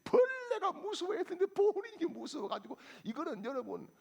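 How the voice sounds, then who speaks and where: A male pastor delivers a sermon with a high voice that leaps up and down with wide swings. His tone carries a gravelly edge, and he keeps throwing rhetorical questions at the congregation. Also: huge pitch swings, a little fast, a little mellow.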